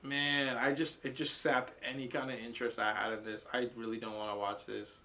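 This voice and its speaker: On a casual reaction podcast, this man co-hosts a group chat about a trailer, ranting with blunt profanity and frequent laughter. He talks fairly quickly with a flat delivery, a medium pitch, and a sharp tone.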